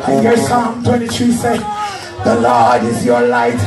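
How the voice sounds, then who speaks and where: A man preaching at a pulpit microphone, shouting scripture and chanting gunshot sounds in a fiery sermon. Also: mid-range voice, sing-song, a little slow, a crowd in the background. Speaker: pastor. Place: church. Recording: echoey church heard from far off. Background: loud music and congregation.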